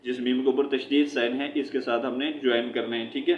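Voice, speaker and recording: A man teaching Quran recitation, spelling out letters and vowel marks syllable by syllable and blending them, with quick explanations that end in a repeated check-in. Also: medium pitch, level tone, a little hiss or hum. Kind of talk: slow spelling-out recitation lesson. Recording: echoey room, dull lo-fi sound.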